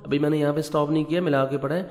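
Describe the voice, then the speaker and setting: A man with a Pakistani Urdu accent teaching Quran recitation, who explains each rule slowly and patiently and slips English words into his explanation. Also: a little high, fairly even intonation, a little mellow, in a large hall, faint music behind. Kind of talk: tajweed lesson, explaining rules between recited verses.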